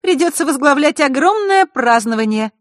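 A man's voice: extremely high pitch, expressive, normal speed, fairly bright tone, dry recording, studio quality, voice pushed up. A man voicing a cheerful, friendly young girl in an audiobook, speaking in a chirpy way.

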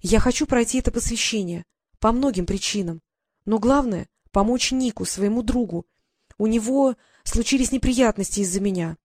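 A woman voicing a cautious, polite young girl who answers quietly. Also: a little high, moderate pace, no room sound, clean studio sound, natural voice. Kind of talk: audiobook character voice.

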